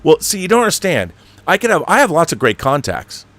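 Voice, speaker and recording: His voice sits on the high side, a bit bright, with big swings in pitch and a slightly fast delivery. He's an online host doing a casual livestream, rambling and reading chat with opinionated, emphatic fan excitement and an occasional offhand curse.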